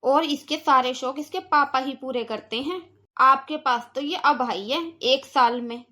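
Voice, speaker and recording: A woman voicing a hurt, gentle mother. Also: high-pitched, measured pace. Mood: defensive. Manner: soft, wounded. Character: hurt, gentle mother defending her daughter. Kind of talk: cartoon voice acting.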